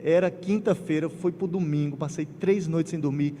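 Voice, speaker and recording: A middle-aged man with a Pernambuco accent giving an emotional, animated spiritist lecture, telling personal stories with acted quotes. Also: fairly high pitch, moderate pace. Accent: Pernambuco Portuguese. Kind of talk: lecture to a congregation. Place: large lecture hall. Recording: hall reverb with faint ambient noise.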